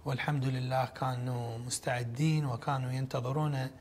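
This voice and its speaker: A middle-aged man with an Iraqi Arabic accent giving a formal television interview in a measured, halting way with pauses. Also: mid-range voice, level tone, darkish tone, a little hiss or hum. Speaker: interview guest, official. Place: large indoor lobby, seated interview. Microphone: lapel microphone.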